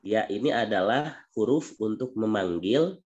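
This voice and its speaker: A man's voice: fairly low pitch, expressive, unhurried, darkish tone. Male teacher, patient explainer, online class, muffled audio. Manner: patient explaining, repeats examples. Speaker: Arabic teacher.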